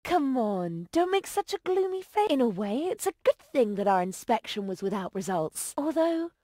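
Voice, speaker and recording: An actress playing a spirited, sharp-tongued young woman in a game. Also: fairly high pitch, very animated, normal speed, dry recording, studio quality. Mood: coaxing. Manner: sweet then fiercely scolding.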